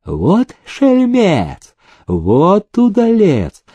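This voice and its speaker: A male reader voicing an excitable, gleeful rich old factory owner who shouts and eggs on a fight, in a storybook reading. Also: medium pitch, dry recording, highs cut off. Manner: shouting, egging on, drawn-out delivery.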